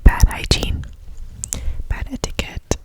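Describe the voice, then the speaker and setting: A woman's voice: slow pace, a little mellow. A young woman whispering breathily into cupped hands in ASMR style, reflecting in a hesitant, personal way. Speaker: ASMR host. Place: alone in a room at home.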